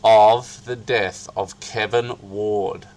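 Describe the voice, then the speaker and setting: A man narrating an article as a dramatic reading, with theatrical, hammy emphasis and drawn-out key phrases. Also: lowish voice, steady tone, darkish tone, rough recording.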